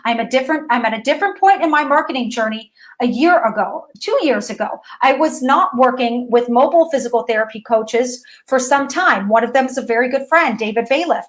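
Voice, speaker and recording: A woman dance physical therapist teaching an online course lesson in a casual, animated way, talking straight to viewers and often restarting her sentences. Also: fairly high pitch, fairly quick, hardly any pauses, poor audio. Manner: reads messages aloud.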